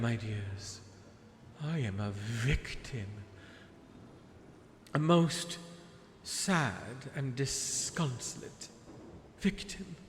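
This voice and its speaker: A man's voice: medium pitch, a little mellow, natural voice. A man voicing a vain, self-pitying sea witch in a live stage show, grand and theatrical, calling the audience darlings. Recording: echoey hall with faint background noise.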